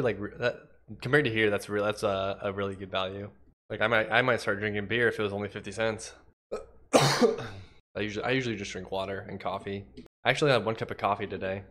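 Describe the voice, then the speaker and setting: A somewhat low, slightly bright male voice belongs to a young Washington state streamer who codes live. Sounding a little nasal and congested and coughing, he chats casually with his audience, thinks aloud, and reads the chat out loud.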